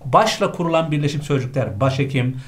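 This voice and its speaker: Guy teacher quizzing spelling words, slightly high voice, brisk back and forth. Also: lively intonation. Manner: brisk quizzing, repeats the correct form after each answer. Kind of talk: exam-prep spelling lesson.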